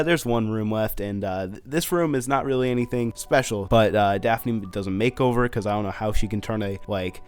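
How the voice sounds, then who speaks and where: A young man hosting a casual cartoon commentary, animated and emphatic with slangy asides. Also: lowish voice. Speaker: cartoon reviewer, channel host.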